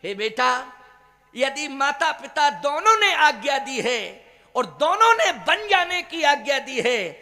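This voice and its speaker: A man's voice: extremely high pitch, very animated, slow, bright, forceful tone, big-room sound, voice pushed up, full character voice. A male preacher voicing a loving, affectionate queen mother in devotional storytelling, pleading and tender.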